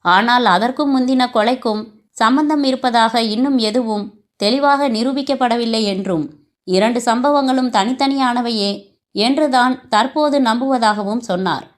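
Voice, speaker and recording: A woman's voice: fairly high pitch, unhurried. A woman reading a crime novel aloud, voicing the dialogue of every character in her own voice with little change. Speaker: narrator.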